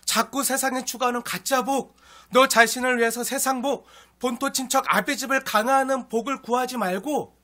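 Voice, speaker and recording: A man preaching a sermon as pastor, moving between loud pleading and hushed, near-whispered lines. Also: extremely high pitch, steady tone, moderate pace.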